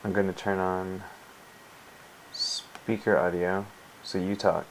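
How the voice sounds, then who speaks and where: A man with a low voice and plenty of vocal fry hosts a casual live stream. He talks informally, with faint noise on the recording. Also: level tone, slow pace, low-quality recording. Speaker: freelance illustrator hosting a live stream. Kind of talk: casual chat.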